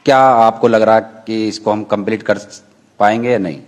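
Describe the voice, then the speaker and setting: A man with a somewhat low voice talks through his animated film project in a casual on-camera way. He explains each step and breaks off now and then to give a helper quick instructions.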